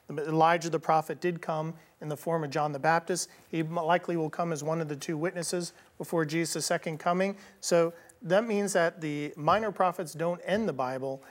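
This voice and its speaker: With a fairly high-pitched voice, a man teaches on a Bible prophecy TV program he co-hosts, keeping it animated and conversational and casually voicing quoted people.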